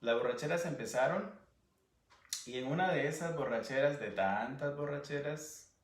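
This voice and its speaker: A man from Guatemala with a Guatemalan Spanish accent, giving an earnest personal testimony as an interview guest, sometimes pausing to search for words. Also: a little high, echoey room, recorded from a distance. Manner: earnest, searching for words, animated when recounting.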